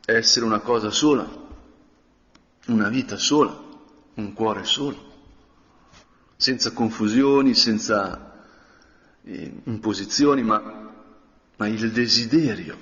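A man, a priest, giving a conversational spoken meditation, often clearing his throat and adding a questioning tag to his sentences. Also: lowish voice, slow, pauses often, fairly bright tone. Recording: dull lo-fi sound with long reverb.

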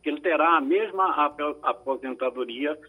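Husky-voiced man explaining legal advice. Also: on the high side, narrow, tinny audio. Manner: measured, explanatory, frequent tag questions. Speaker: lawyer answering listener questions. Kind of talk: radio call-in advice. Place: radio studio.

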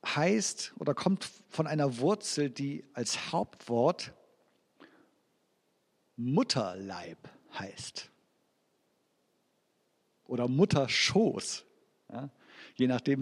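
A male pastor giving a sermon, explaining things step by step, reading scripture slowly, and restarting his phrases as he goes. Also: medium pitch, creaky, darkish tone, husky, long reverb tail.

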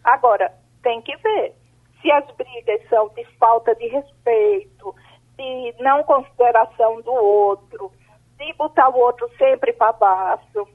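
A psychologist, answering questions over a mobile phone line that keeps cutting out, speaking in a measured, explanatory way with frequent tag questions. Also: female voice, a little high, slightly rough. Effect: breaking-up mobile phone line. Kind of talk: radio phone-in interview answer. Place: outdoors in a country town, seeking signal. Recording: tinny cell phone line.

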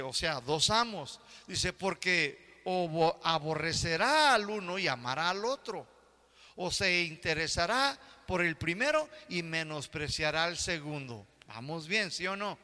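A man's voice: fairly high pitch, pushed and bright, big-room sound. An older man preaching a sermon as pastor, often checking that the congregation is following along. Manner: asks the congregation for agreement.

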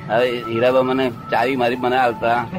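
A man's voice: mid-range voice, completely flat delivery, moderate pace, over music. An older man telling a rambling anecdote in casual chat, often checking that his listener follows. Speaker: storyteller.

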